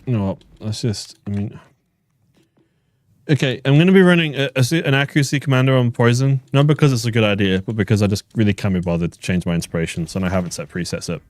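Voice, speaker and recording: A man's voice: on the low side, quick pace, no echo. A man from England, co-hosting a game livestream in casual chat and laughing easily. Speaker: stream co-host. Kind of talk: casual chat while gaming.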